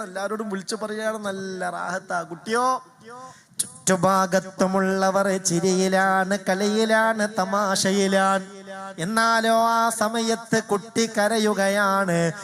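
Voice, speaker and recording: A male preacher delivers a dramatic sermon in a high voice at an unhurried pace. He drops into soft, rapid storytelling and then draws out lines of Arabic verse in a slow chant. Faint music plays behind him. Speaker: Islamic preacher. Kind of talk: Malayalam sermon.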